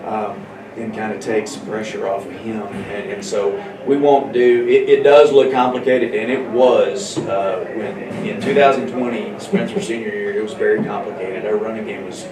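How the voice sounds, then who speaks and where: Halting, low-voiced man in his forties. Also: steady tone, recorded from a distance. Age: 40s. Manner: halting, frequent restarts, chuckles easily. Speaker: football coach. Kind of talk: casual interview. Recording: roomy, off-mic, with loud background noise.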